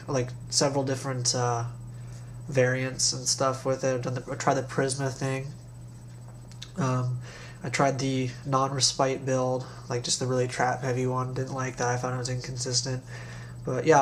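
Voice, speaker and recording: Young guy w a stuffed up nose after nose surgery, mid pitch, slangy casual card deck chat, bit of hum on webcam mic. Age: young adult. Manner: slangy, informal. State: recovering from recent nose surgery. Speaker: card game video host. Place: small bedroom, indoors. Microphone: webcam or laptop mic at desk distance. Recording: noisy webcam recording with hum.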